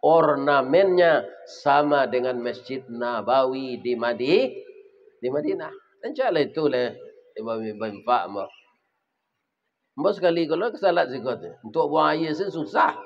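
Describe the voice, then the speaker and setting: A man's voice: mid-range voice, big pitch swings, unhurried, long pauses, slight background noise. A man with a Minangkabau accent preaching a sermon, talking animatedly to the congregation and often asking them rhetorical questions. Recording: dull lo-fi sound.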